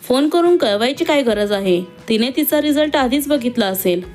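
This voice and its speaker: Lady reading a story, doing a snooty rich mom, sneery tone, a bit high, faint music under it. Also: lively intonation, normal speed, a little mellow. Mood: scornful. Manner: scornful, disdainful. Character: proud status-minded wealthy middle-aged mother.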